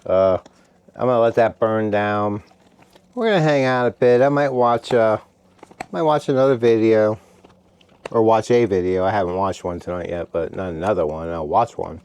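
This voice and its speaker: A tired, relaxed man chatting casually to his viewers from inside a heated tent at night, rambling and stopping to talk to his dog. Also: on the low side, moderate pace, smooth, muffled recording. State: tired after a meal. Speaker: camping vlogger. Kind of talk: casual vlog chat.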